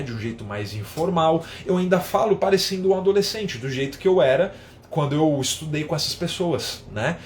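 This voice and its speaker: A man's voice: a little high, a little hiss or hum. Chatty São man explaining. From São Paulo, Brazil. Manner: conversational, explains with everyday examples, keeps adding a tag question. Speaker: English teacher. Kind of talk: live online lesson.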